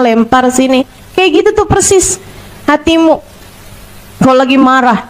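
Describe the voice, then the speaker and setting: A woman preacher, middle-aged, delivers a sermon in a high, bright-pitched voice. She tells stories with energy, repeating phrases to hammer them home and slipping into the voices of the people she quotes. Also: poor audio. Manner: lively storytelling, acting out quoted voices.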